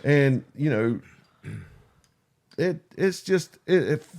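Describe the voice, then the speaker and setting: A man with a country drawl talks candidly and casually, halting and repeating himself, putting himself down and swearing easily. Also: on the high side, animated, darkish tone. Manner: halting and repetitive, self-deprecating, swears casually. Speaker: podcast guest and YouTube creator.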